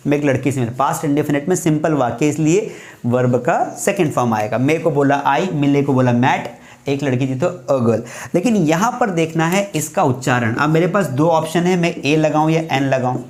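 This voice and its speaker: A man's voice: on the high side, normal speed. Man teaching grammar, repeating key points. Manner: repeats key points, asks the class rhetorical questions; mixes English phrases into Hindi. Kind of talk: classroom lecture. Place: writing on a board while teaching.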